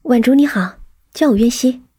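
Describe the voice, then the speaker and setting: A woman reading aloud, voicing a quiet, reserved young woman who speaks softly and with restraint. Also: a little high, moderate pace, slightly rough, dry recording, studio quality. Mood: polite.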